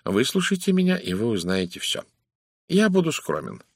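A man's voice: medium pitch, wildly swooping pitch, normal speed, no room sound, clean studio sound, voice pushed up. A man voicing a fussy older male detective who lectures suspects in a precise, theatrical manner. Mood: lecturing. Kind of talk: audiobook character reading.

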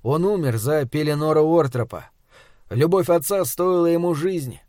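Male audiobook narrator, higher-pitched, measured and reflective, dry close recording. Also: lively intonation, a little mellow, no room sound.

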